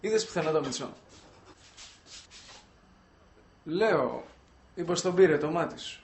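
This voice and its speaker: A man's voice: a little high, expressive, a little hiss or hum. An actor playing a cheeky freeloading young man who pleads not to be thrown out in a sitcom. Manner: wheedling, pleading. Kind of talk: sitcom acting.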